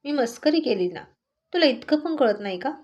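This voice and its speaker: A woman's voice: sits high, lively intonation, normal speed, darkish tone, muffled recording. A woman reading a story aloud and voicing a spoiled, playful young wife with a pleading, sing-song manner. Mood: teasing.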